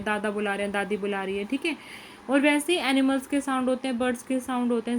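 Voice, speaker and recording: A woman teacher who explains a lesson to young children, reading each English line slowly and then asking and answering her own questions in Hindi. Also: fairly high pitch, slight background noise, low-quality recording.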